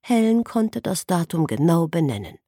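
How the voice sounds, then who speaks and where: A woman reading a novel aloud as narrator, in an expressive storytelling manner. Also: lowish voice, normal speed, no room sound, clean studio sound. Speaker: audiobook narrator. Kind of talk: scripted narration.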